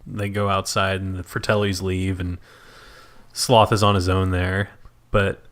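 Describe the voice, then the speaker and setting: A man with a low voice recaps movie scenes on a podcast. He is laid-back and leans on fillers as he talks. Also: little pitch movement, a little slow, a bit bright. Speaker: podcast co-host. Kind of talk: casual movie chat.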